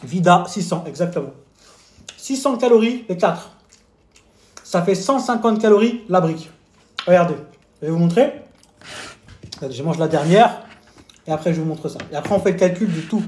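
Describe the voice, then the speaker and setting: A man's voice: high-pitched, normal speed, long pauses, a little mellow. Man, live-stream host, casual chat, teasing, talks while eating, echoey room. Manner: chatty, teasing, mock-lessons, talks with mouth full. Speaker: fitness coach streaming live.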